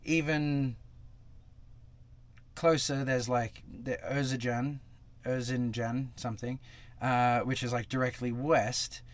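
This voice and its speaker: A young travel vlogger sits inside a parked truck cab, talking casually to the camera and rambling with plenty of fillers and restarts. His voice is mid-range with little pitch movement, and he takes it slowly.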